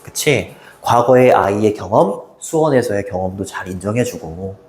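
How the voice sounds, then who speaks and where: A man teaches a high school English lesson in a lively voice that rises and falls a lot. He talks in a chatty way and keeps checking in with the class. The room gives his voice a noticeable echo. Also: normal speed. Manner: lively, chatty, keeps asking students "right?".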